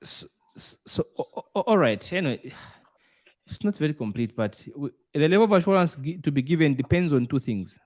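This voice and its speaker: Male tutor, slightly high voice, dry close sound, explains patiently and repeats points. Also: expressive, fairly quick, darkish tone, no room sound. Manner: repeats points, frequent "uh" fillers. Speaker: auditing tutor quizzing a student. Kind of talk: explanatory lesson with worked examples.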